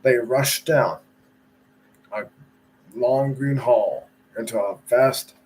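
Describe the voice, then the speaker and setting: A man's voice: medium pitch, slow, darkish tone, low-quality recording. A man reads a children's story aloud in an easy, chatty manner. He sometimes trips over a phrase and goes back to reread it. There is a faint hum of background noise. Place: at home.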